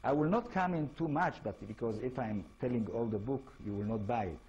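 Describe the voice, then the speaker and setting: A man's voice: medium pitch, fairly quick, darkish tone, dull audio, a little hiss or hum. A man from Israel, speaking English with an Israeli accent, gives an informal lecture as an author and keeps asking his audience rhetorical questions. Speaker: author giving a talk.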